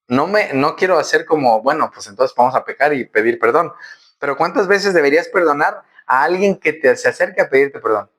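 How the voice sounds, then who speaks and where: A man's voice: a little high, fairly bright tone. A man preaching a sermon to his congregation, often calling them brothers and posing rhetorical questions.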